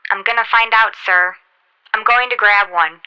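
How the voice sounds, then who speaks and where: A woman plays an eager, brave, deferential spaceship officer in a golden age sci-fi radio drama, reporting intently in a clipped, respectful military style. Her mid-range voice is near everyday, with fairly even intonation, normal speed and a clean, echo-free tone, though the recording sounds muffled.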